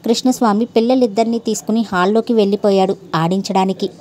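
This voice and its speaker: A woman reads a family story aloud in a steady, unhurried storytelling voice. Her tone is mellow and warm, sitting at an ordinary middle pitch. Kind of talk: narrating a Telugu story, voicing every character.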